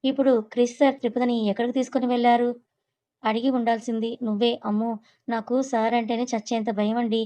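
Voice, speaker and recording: A woman's voice: fairly high pitch, level tone, quick pace, dark tone, close to an everyday voice, poor audio. A woman voicing a chatty, nosy young woman in a storybook reading.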